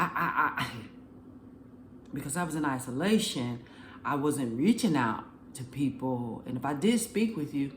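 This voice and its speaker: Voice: mid-range voice, reverberant, slight background noise. A faith vlogger giving a casual, earnest spoken testimony, rambling and emotional, recorded at home in an apartment.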